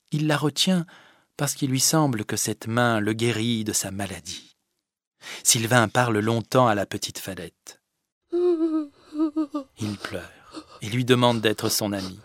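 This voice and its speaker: An audiobook narrator with a mid-range voice reads a scripted story clearly and at a measured pace. The studio sound is clean, with no room sound.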